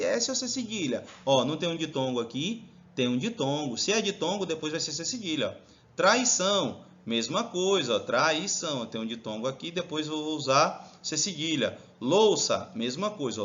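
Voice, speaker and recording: A man's voice: on the high side, fairly bright tone. A man teaching a lesson, chatty and addressing his students directly with frequent check-ins. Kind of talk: lively classroom video lesson. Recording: dull lo-fi recording.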